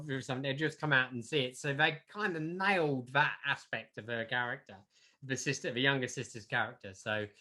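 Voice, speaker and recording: A man's voice: medium pitch, bright, forceful tone. A man co-hosting a podcast, chatting casually and enthusiastically, often trailing off with fillers. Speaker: podcast co-host. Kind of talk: casual chat.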